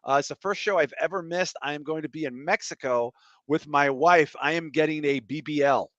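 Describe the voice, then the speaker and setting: A podcast host with a voice that's a little high and fairly bright talks briskly, joking crudely and enthusiastically plugging his casual comedy show. There's no echo, but the stream audio is muffled and a little lo-fi.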